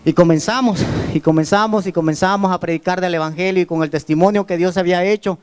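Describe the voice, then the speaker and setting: A man's voice: high-pitched, fairly even intonation, fast, smooth, faint music behind. A man gives an earnest church testimony, repeating words as he tells his story. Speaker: church member giving testimony. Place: church service.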